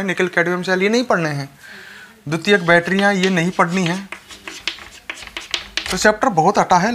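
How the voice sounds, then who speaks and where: A man's voice: high voice, a bit bright, slight background noise. Man teaching chemistry, repeating points. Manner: repetitive, instructive, addresses students directly. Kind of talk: classroom lecture.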